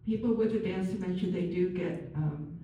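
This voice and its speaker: A woman working as a nurse and counsellor, giving a chatty, gentle talk to a group and acting out example phrases. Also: fairly low pitch, moderate pace, muffled recording. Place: large room with an audience. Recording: very echoey room, far from mic.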